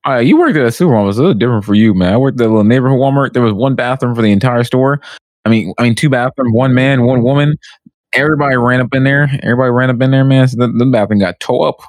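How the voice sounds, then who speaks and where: A man's voice: mid-range voice, racing, dry recording, studio quality. A man in casual chat, bantering in slang and repeating phrases for emphasis.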